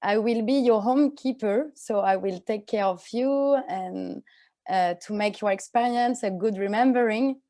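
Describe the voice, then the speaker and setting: A woman whose first language is French, introducing herself as a program coordinator on a video call in warm, slightly unidiomatic English. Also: mid-range voice, measured pace, dry recording. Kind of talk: self-introduction.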